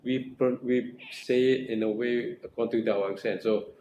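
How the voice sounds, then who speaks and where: Steady and dark in tone, the mid-range voice of a middle-aged academic supervisor with a Malaysian accent moves at normal speed. Advising his research student, he's earnest and repetitive, often restarting phrases and asking "right?" The recording carries room echo and faint noise.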